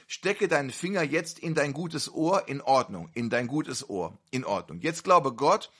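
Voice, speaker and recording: A man's voice: medium pitch, animated, unhurried, fairly bright tone, breathy edge. A man preaching at a healing service, fervent and repeatedly asking the congregation whether they believe.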